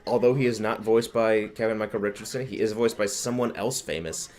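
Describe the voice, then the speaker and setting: A man's voice: fairly low pitch, fairly even intonation, a little fast, a little mellow. A man hosting a casual gaming commentary, chatty and explaining the game as he plays. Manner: chatty, explains game mechanics, laughs a lot. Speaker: let's play host.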